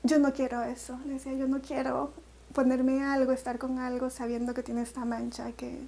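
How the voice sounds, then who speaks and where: This is a Salvadoran woman giving an interview about her own life, with a Salvadoran Spanish accent. Her voice sits high but has a soft, mellow warmth. She speaks reflectively, filling pauses and restarting her sentences. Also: monotone, vocal fry. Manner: reflective, with many fillers and restarts. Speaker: interview guest. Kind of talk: personal story in an interview.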